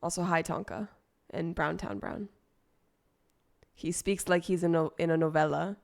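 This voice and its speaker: A woman streamer in casual chat, expressive and playfully defensive. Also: fairly low pitch, moderate pace, gravelly.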